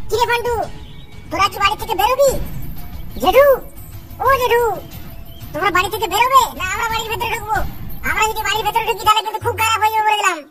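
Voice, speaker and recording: Angry cartoon villager, shrill and rapid woman voicing, over loud music. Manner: shouting, threatening, rapid. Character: furious loud adult village man, threatening.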